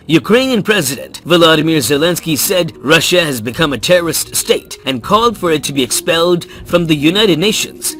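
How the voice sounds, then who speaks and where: A man reading a scripted news voice-over in an even, measured newsreader manner. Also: fairly high pitch. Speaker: news narrator. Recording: faint music bed behind the voice.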